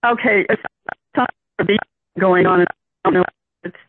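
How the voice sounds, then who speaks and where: An older community caller giving public comment over a phone line that breaks up with clipping and tapping, speaking haltingly with many fillers. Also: mid-range voice, gravelly, slight background noise. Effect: breaking-up phone connection with clipping and tapping. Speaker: community caller at a board meeting. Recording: tinny, dry phone line.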